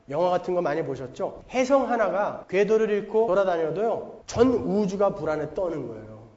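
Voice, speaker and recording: High-voiced male pastor preaching emphatically. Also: darkish tone. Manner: emphatic, asks the congregation rhetorical questions. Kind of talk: sermon. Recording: long hall reverb, dull lo-fi sound.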